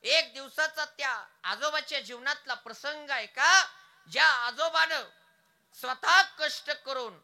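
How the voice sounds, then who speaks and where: A man's voice: very high voice, measured pace, pushed and bright. A young man preaching a devotional kirtan sermon, telling a story with surging, dramatic stresses. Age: young adult.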